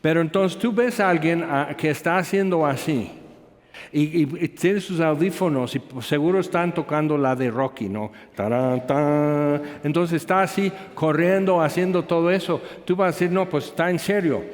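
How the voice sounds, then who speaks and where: A man with a somewhat high voice delivers a sermon, mixing a personal story with asides and quick questions to the listeners. His voice carries a long reverb from a large hall. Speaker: preacher.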